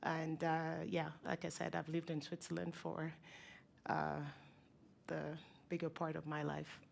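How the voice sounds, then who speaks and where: A woman in her fifties from Ghana and Cameroon, introducing herself on a panel with halting restarts and light laughter. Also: sits low, completely flat delivery, vocal fry, a little hiss or hum. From Ghana, raised in Cameroon. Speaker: panelist, e-mobility company leader. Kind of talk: panel discussion.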